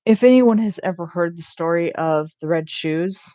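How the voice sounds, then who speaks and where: A woman's voice: fairly low pitch, moderate pace, mellow, no room sound, highs cut off. A young woman in casual, rambling chat, full of ums and restarts, with the odd curse thrown in. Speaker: vlogger.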